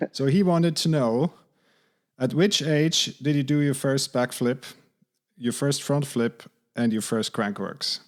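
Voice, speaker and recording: A middle-aged man hosts a podcast, asking questions in a casual interview with a friendly, hesitant style and plenty of uhs. His voice is mid-range and his pace slow.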